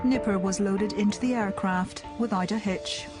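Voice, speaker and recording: A woman narrating a documentary in a measured, matter-of-fact scripted voice. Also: medium pitch. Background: music.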